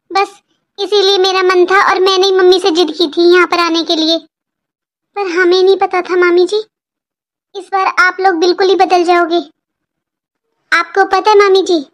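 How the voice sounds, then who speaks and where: Woman as an outspoken little girl, high childlike voice, faint music behind. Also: fairly bright tone. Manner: pleading, childlike. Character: young girl, outspoken and hurt. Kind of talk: family drama acting.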